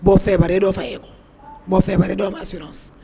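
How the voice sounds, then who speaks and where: A woman life coach with a Senegalese accent and a hoarse, croaky, witch-like voice, giving motivational advice on a talk show. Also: mid-range voice, fairly even intonation, fairly quick, dark tone.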